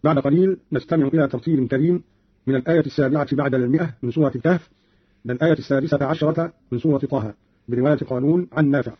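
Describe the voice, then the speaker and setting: A man with a fairly high, husky voice delivers a formal, scripted explanation for radio, stopping now and then to intone short passages. The recording is dry and dull, with the lo-fi sound of an old broadcast archive. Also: no room sound. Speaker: radio presenter explaining recitation variants. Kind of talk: scripted instructional radio narration.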